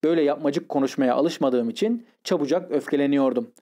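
A man reading a literary audiobook in a measured, expressive way. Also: fairly high pitch. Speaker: audiobook narrator.

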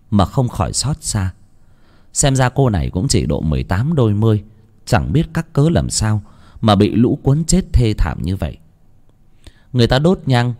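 A man's voice: fairly low pitch, warm tone. A man from Vietnam narrating a scripted horror story in a dramatic, vivid way.

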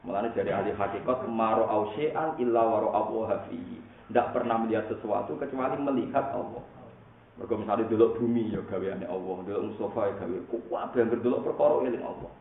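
Javanese-accented preacher in an echoey room. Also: male voice, fairly low pitch, quick pace. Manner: casual, humorous, mixing in regional words. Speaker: Islamic preacher. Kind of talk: religious study sermon. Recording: echoey phone-like recording, faint noise.

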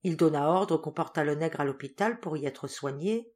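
A woman reading a classic novel aloud as an audiobook, in a measured storytelling way. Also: deep voice, darkish tone. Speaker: audiobook reader. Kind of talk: scripted narration.

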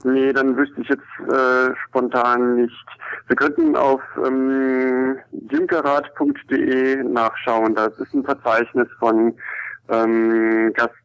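Clear, hesitant man answering an enquiry. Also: mid-range voice, slow, a bit bright, dry recording, low-quality recording. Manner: hesitant, courteous. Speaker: person answering an enquiry by phone. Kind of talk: casual, helpful phone talk.

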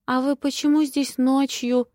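A woman voicing a tiny, timid young flower fairy lady who squeaks in a high, wide-eyed way, in an audiobook. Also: little pitch movement, measured pace, darkish tone, no echo, clean studio sound. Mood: startled.

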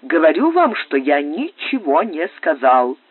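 A man's voice: on the high side, huge pitch swings, measured pace, breathy edge, no room sound, full character voice. Man doing a phlegmatic, ironic foreign doctor. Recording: dry, phone-like narrow sound.

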